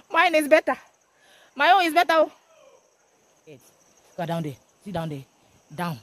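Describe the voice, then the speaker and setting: A woman's voice: high voice, very animated, a little slow. A young woman with a Ghanaian English accent, out of breath as she narrates a casual travel vlog while hiking outdoors, exclaiming and cheering herself on, filmed on a handheld camera. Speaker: vlogger. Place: outdoors on a hiking trail by a waterfall.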